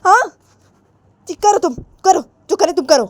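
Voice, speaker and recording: A woman's voice: extremely high pitch, expressive, moderate pace, no room sound, pitched above the performer's own voice. A woman voicing an irritable, unwell father who scolds his family and keeps repeating himself in a storybook tale. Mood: fed up.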